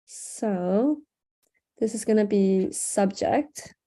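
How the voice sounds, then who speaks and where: Speaking very slowly in a medium-pitched, mellow and darker voice, a young woman teaches a live online workshop by screen share through a headset. She's casual and chatty, filling gaps with "um" and "like," and keeps clearing a sore throat.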